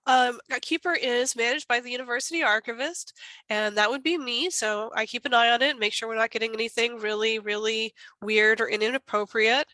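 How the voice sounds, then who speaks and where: A woman's voice: fairly high pitch, steady tone, fairly quick, bright, forceful tone, dry recording, low-quality recording. A woman, congested from a cold, giving a chatty conference presentation as a university archivist. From Texas. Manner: chatty, self-deprecating.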